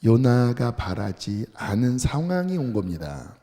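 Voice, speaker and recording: Man, pastor, lively sermon, animated delivery, dark tone. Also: medium pitch, a little slow, long reverb tail. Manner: lively storytelling with colloquial asides.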